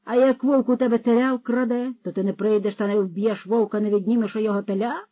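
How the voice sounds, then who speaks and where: Pompous, loud-lecturing male horse thief, put on by the audiobook narrator, a bit higher than the narration, dull dry storybook audio. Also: steady tone, quick pace, no echo, natural voice. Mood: scolding.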